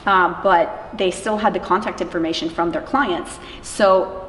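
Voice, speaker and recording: A woman with a lowish, fairly bright voice speaks steadily and a little slowly, giving emphatic, informal answers in an interview about her anti-trafficking work. She illustrates her points by acting out quotes. The room is echoey and reverberant, with clear background noise.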